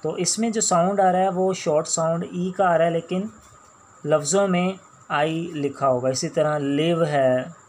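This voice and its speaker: A man with a Pakistani accent teaching a shorthand class, explaining each sound slowly and repeating words as he writes them out. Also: a little high, darkish tone, slight background noise. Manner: slow, patient, repeats each sound and word. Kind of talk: classroom lecture while writing on a board.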